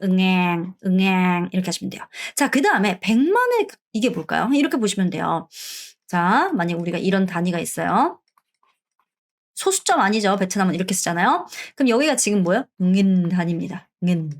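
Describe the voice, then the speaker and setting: A middle-aged woman from Korea teaching an online language lesson. She explains each point, then says the words slowly and repeats them for learners. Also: medium pitch, sing-song.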